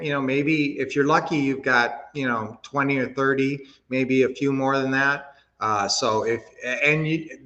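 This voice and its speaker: A man's voice: mid-range voice, pushed and bright, highs cut off. A man from Minnesota hosting a real estate investing livestream, chatting casually, answering chat comments and teaching with lots of fillers and restarts.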